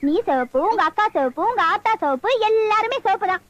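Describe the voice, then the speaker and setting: A woman's voice: very high-pitched, lively intonation, a little fast, no echo, lo-fi sound. An actress playing a chatty, nosy village woman who teases a girl and fusses over her family's customs, in a film comedy scene. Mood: teasing. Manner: chatty, mocking banter. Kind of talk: Tamil film comedy acting. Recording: film scene with score behind.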